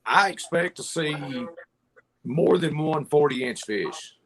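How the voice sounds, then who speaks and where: A man, a tournament angler, talking slowly and haltingly over a video call that keeps breaking up. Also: fairly high pitch, animated, fairly bright tone, slight background noise. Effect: on a video call with a breaking-up connection.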